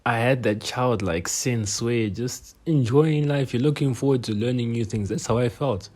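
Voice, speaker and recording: A young man talking earnestly in a reflective personal monologue, his voice often trailing off softer at the ends of phrases. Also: medium pitch, moderate pace, over loud music. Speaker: self-improvement vlogger.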